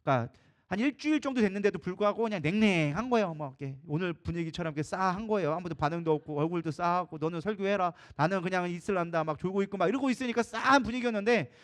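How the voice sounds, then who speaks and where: A man's voice: high voice, racing. A man preaching a sermon as a co-pastor, telling stories with animation and acting out the people in them. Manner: animated storytelling, acting out quoted voices. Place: church sanctuary.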